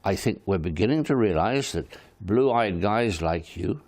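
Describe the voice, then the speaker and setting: The speaker, a gravelly-voiced wildlife service head from Kenya who grew up speaking Swahili, responds to questions as a studio interview guest. His lowish, darkish voice is animated, and he talks in a frank, firm, measured way.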